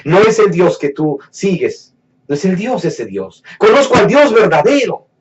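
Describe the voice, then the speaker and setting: A man preaching his testimony with fervent passion, his fairly high voice dropping low and soft, then rising loud and slowing to stretch out key words. The sound is dull and lo-fi, picked up from a mic some way off. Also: very animated, distant mic. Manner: impassioned, swings between hushed low lines and raised fervent ones; slows down and stretches words for emphasis. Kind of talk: emotional sermon testimony.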